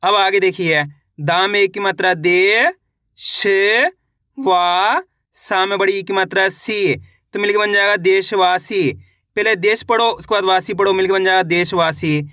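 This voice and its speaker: Slow, bright-voiced male reading teacher. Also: sits high, fairly even intonation, no room sound, studio quality. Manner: sounds out words syllable by syllable, then blends them; patient, encouraging. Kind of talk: online reading lesson.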